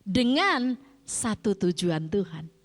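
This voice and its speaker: A woman's voice: medium pitch, sing-song, slow. A middle-aged woman from Jakarta preaching a sermon in a chatty way, posing rhetorical questions and answering them herself. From Indonesia, grew up in Jakarta. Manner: conversational, asks and answers her own rhetorical questions. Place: church sanctuary. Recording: long church-hall reverb.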